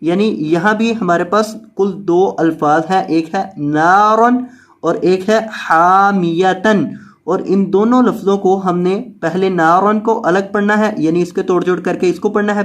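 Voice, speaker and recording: Reading teacher, slow unhurried delivery, letter-by-letter spelling, patient repetition, quick explanations between drills. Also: medium pitch. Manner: patient, repeats each word several times. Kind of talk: Noorani Qaida lesson.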